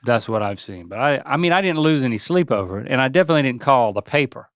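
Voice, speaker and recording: Animated, wry man in a dry studio sound. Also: mid-range voice, quick pace, dry recording. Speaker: co-host. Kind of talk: casual chat.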